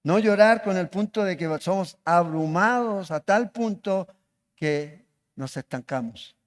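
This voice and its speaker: In an unhurried, high-pitched voice, a man delivers a sermon as pastor and asks his congregation questions throughout. The sound carries the lengthy echo of a church hall.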